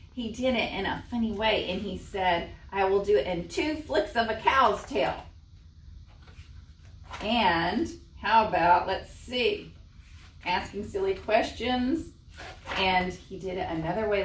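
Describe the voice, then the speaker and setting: A woman with a medium-pitched, slightly bright voice leads a library storytime, reading and explaining crafts expressively for young children. The microphone is distant and the room echoes.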